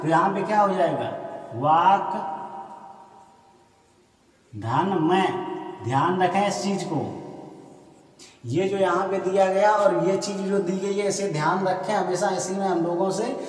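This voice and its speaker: A man's voice: high voice, a little slow, pauses often. A man giving a whiteboard grammar lesson, asking himself questions and answering them, stretching out key words. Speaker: grammar teacher. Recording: echoey room, voice from far off.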